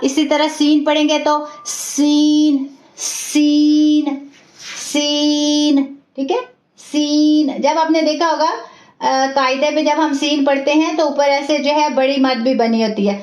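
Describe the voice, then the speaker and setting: Woman, patient recitation teacher, high pitch, slow repeated drills, roomy echo. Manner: patient, repeats each word slowly, often says "ठीक है". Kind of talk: online class lesson, slow repetition drills. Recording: roomy, dull lo-fi audio.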